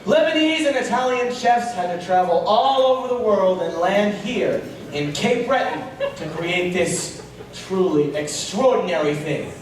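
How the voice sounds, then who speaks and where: An excitable, earnest small-town hero, acted by a man in a stage comedy. The voice is very high and projected from far off in a noisy, echoing hall. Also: unhurried. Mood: proud. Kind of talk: broad stage comedy acting.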